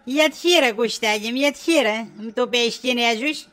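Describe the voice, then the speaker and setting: A nosy wife, as a woman plays her, high and bright in tone, who keeps prodding for gossip and won't let a question drop. It is pushy comic sketch acting. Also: natural voice. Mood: prying.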